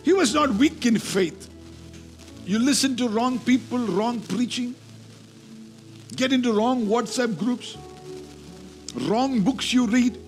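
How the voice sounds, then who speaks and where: With faint music playing behind him, a man with a very high voice preaches slowly, pausing often. He teaches from scripture emphatically, repeating key phrases in a sermon that mixes scripture reading with call-and-response.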